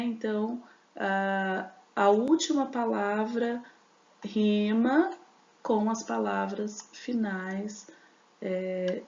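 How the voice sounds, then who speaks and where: In a recorded class lesson, a woman teacher explains the material step by step, using many fillers and tag questions. Her medium-pitched voice is creaky with a darkish tone, captured in an echoey, dull lo-fi room recording.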